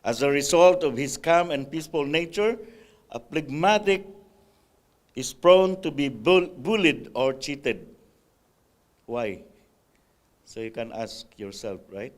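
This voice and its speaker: A man's voice: fairly high pitch, slow pace, long pauses. A man speaking at a church class, reading from a text and breaking off with casual comments and "right?" checks to the group. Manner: reads a text aloud, adding spontaneous comments and checks like "right?"; occasional hesitations and restarts. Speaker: Sabbath school speaker.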